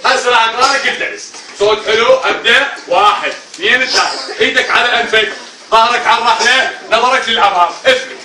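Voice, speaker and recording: A man with an Iraqi accent teaching a primary class, animated, drilling the children with repeated call-and-response questions and often calling out loudly. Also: very high-pitched, fast. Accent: Iraqi Arabic. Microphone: camera at a distance. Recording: echoey classroom, mic far off, loud children and noise. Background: noisy children's chatter.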